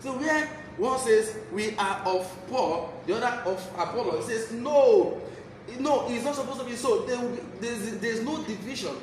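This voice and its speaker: In this sermon clip, a man with a Nigerian accent teaches from the Bible at a normal pace. His pitch is extremely high, and he hammers key phrases through emphatic repetition. Echo and clear background noise fill the recording.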